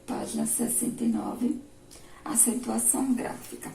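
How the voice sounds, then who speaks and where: Slow-spoken woman teacher, echoey room. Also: a little high, wildly swooping pitch, vocal fry, dark tone. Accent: Brazilian Portuguese. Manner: slow, explaining step by step and asking the class questions. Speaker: primary school teacher. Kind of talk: remote classroom lesson. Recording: echoey room, distant mic, faint noise.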